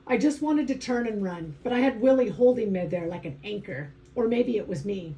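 A woman's voice: medium pitch, lively intonation, brisk, mellow, highs cut off. A woman narrating a first-person audiobook in a conversational, wry inner-monologue manner.

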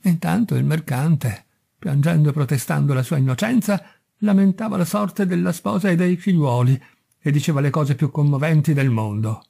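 A man reads a storybook aloud in a steady, measured way. His voice is a little high for a man, yet dark and mellow. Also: vocal fry. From Italy. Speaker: audiobook reader. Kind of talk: storybook narration.

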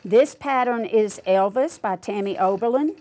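A woman's voice: on the high side, normal speed, a little mellow. An older woman demonstrating quilting step by step, patiently explaining each click aloud in a studio. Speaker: quilting instructor.

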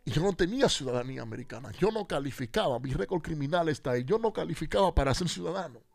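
Gravelly-voiced man giving testimony. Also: on the high side, fast talker, no echo, soft background music. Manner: animated storyteller acting out dialogue. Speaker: pastor and radio panelist. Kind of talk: personal testimony on a radio show.

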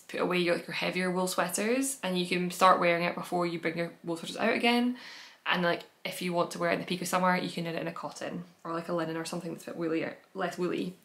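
Chatty woman with a gravelly low voice. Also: fairly bright tone. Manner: rambling, many fillers and self-corrections. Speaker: knitting podcast host and pattern designer. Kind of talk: casual chatty show-and-tell.

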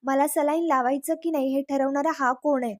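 A woman reading the lines of a stubborn, irritable elderly grandmother in a scolding manner, in a high voice. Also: steady tone, a little fast, dry recording, clean studio sound, close to an everyday voice. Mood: angry.

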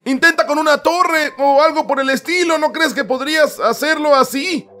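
A man voicing an excitable male sidekick who coaxes and cheers on a player. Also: very high voice, normal speed, pitched above the performer's own voice. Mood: cheering. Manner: cheering, coaxing.

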